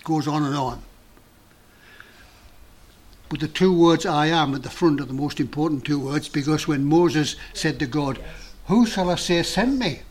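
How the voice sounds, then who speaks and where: A man preaching a sermon in an earnest, emphatic way with dramatic pauses. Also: fairly high pitch.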